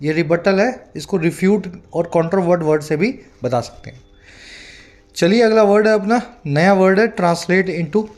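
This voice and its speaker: High-pitched male English tutor explaining words. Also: darkish tone. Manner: explains slowly, reads English example sentences in a drawn-out way; asks the viewer often whether they follow. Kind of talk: vocabulary lesson in Hindi mixed with English.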